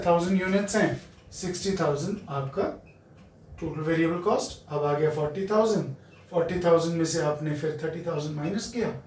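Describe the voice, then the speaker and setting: A man's voice: high voice, darkish tone, a little hiss or hum. A man with an Indian accent teaching accounting, mixing Hindi and English, explaining step by step and checking in with his students. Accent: Indian English mixed with Hindi. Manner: explains step by step, often checks in with "right" and "friends". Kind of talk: classroom lecture at a board. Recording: roomy, distant mic.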